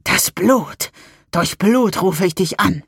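A woman's voice: lowish voice, animated, takes it slowly, gravelly, husky, no room sound, clean studio sound, exaggerated voice. A woman voicing a sinister, tormented spirit that hisses and chants its words over and over, in an audiobook reading. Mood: hissing menace. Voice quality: hissing. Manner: chanting, repetitive. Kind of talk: audiobook narration.

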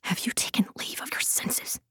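A woman voicing a sharp-tongued young woman who hisses her words in whispers. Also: normal speed, dry recording, clean studio sound, natural voice. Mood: hissing.

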